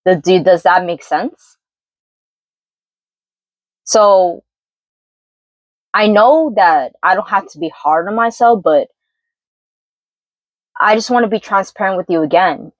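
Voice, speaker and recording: A young woman from New York talking candidly into her vlog, earnest and reflective, pausing and correcting herself. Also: medium pitch, animated, no echo, rough recording. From New York City, Brooklyn. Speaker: vlogger. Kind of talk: candid personal vlog monologue.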